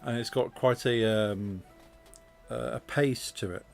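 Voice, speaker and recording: A man with a Midlands English accent, chatting casually as a game streamer and speaking with deliberately clear, precise diction. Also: medium pitch, soft background music. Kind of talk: casual chat while gaming.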